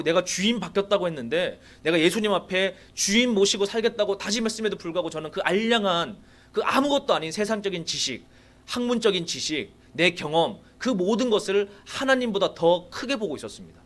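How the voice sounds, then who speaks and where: Speaking quickly in a high voice, a man preaches as a guest at a revival meeting in a church sanctuary, sharing a personal testimony. His storytelling is animated, and he acts out the prayers he once said. He puts rhetorical questions straight to the congregation.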